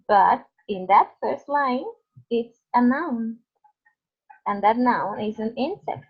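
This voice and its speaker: Slow, high-voiced woman teaching online. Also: breathy edge. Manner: patient, explains slowly with many fillers. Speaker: English teacher. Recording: dull lo-fi online call audio.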